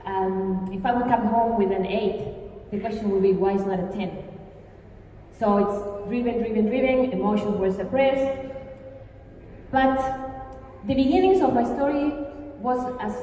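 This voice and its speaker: An Argentine woman leads a workshop as a live stage talk in a large hall, lively and engaging as she puts questions to the audience. Her medium-pitched voice is a little slow, picked up by a distant mic that gives an echoey, dull sound with faint ambience and a slight hiss or hum.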